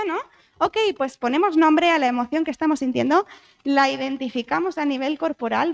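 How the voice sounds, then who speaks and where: This psychologist from Spain has a voice that sits high, with some vocal fry, and the recording cuts off the highs. Speaking with a Spanish-from-Spain accent in a church hall, she keeps her conversational talk lively, quizzing listeners and leaning on tag questions.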